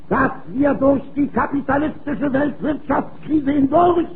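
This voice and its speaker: A man giving an emphatic, declamatory political campaign speech in deliberate phrases, in the style of the 1930s. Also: very high voice. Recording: tinny, noisy early 1930s recording.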